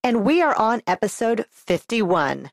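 A woman's voice: a little high, big pitch swings, measured pace, vocal fry, heavy background noise. A woman with a congested voice hosting a podcast, chatting upbeat and directly to her listeners. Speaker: podcast host. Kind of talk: casual solo podcast talk.

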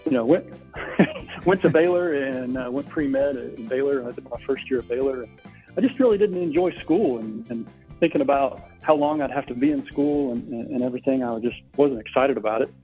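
A middle-aged business owner from Texas, United States, speaks as an interview guest over a remote call, recounting his story in a casual way. His voice is medium pitched and fairly quick, with faint music behind it. The sound comes through muffled and tinny, like a phone.

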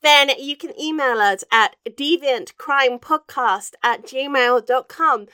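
Giggly posh woman, podcast co-host, bright high voice, dry close mic. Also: slow, clear, resonant tone, no room sound. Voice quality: high-pitched and posh-sounding. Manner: giggly, chatty, swears freely. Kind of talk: casual chat.

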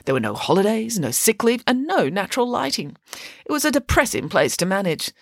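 A woman's voice: medium pitch, big pitch swings, brisk, no echo, studio quality, voice pushed up. A woman voicing a grand, vain, cake-loving female pig nanny who boasts in a theatrical way. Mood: grandly boastful.

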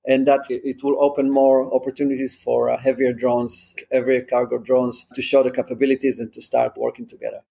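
A man's voice: mid-range voice, level tone, brisk, gravelly, hardly any pauses, mellow, husky. Man explaining in an interview. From Israel. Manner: earnest, practical, explains with examples. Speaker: drone company founder. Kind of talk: conversational interview answers.

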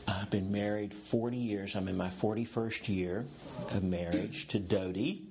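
In an interview, a man in his sixties appears as a guest executive coach, his lowish, mellow voice steady and measured. His reflections ramble, and he restarts along the way.

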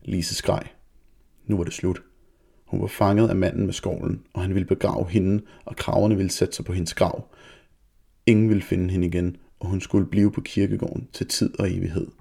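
Gravelly low-voiced male storyteller. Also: level tone, mellow. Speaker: narrator and author. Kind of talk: storybook reading.

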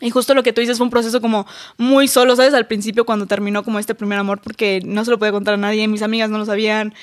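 A woman's voice: mid-range voice, level tone. A woman, a podcast guest talking openly and emotionally in casual chat. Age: 20s. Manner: emotional, confiding, fast-talking.

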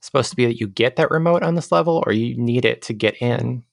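A man's voice: medium pitch, fast talker, creaky, no room sound, studio quality. A man chatting casually as a podcast co-host about a video game, with a wry, jokey, ironic way of riffing.

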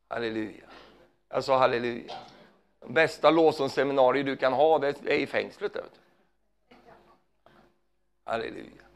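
Gravelly fervent man preaching a sermon. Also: mid-range voice. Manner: fervent, calls out hallelujah, swings from loud to hushed.

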